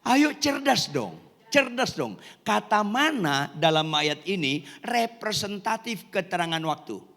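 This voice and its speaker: A male pastor preaching an animated sermon, joking and quizzing his congregation and shouting now and then. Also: high voice, measured pace, creaky, in a large hall. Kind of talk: lively sermon.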